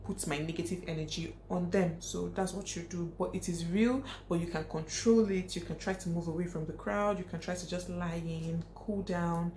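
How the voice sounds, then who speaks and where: Young woman vlogging, kinda low voice, blunt and repeats stuff, echoey room. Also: fairly even intonation, normal speed, hardly any pauses, warm tone. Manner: frank, emphatic, repeats points for stress. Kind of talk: casual advice talk to camera. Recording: echoey room, faint hiss.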